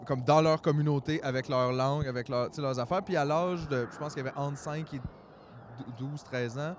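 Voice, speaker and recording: Here a fortysomething man from Quebec, Canada, with a Québécois French accent, spins a long, earnest, meandering tale as a podcast co-host in relaxed conversation. He speaks fairly quickly in a somewhat high voice, and there's a bit of background noise.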